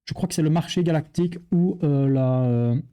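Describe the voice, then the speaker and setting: A man's voice: a little high, moderate pace, warm tone, clear, resonant tone. A man with a Belgian French accent, presenting a board game in a chatty, joking way and talking straight to the viewer. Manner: jokey, chatty, addresses viewer as tu.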